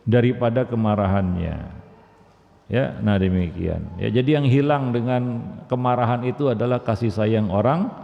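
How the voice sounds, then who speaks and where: A man's voice: mid-range voice, gravelly, mellow. A man giving a mosque lecture, asking his listeners rhetorical questions and often saying "ya, nah demikian". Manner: repeats filler "ya, nah demikian". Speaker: preacher. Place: mosque hall. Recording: echoey mosque hall, dull sound.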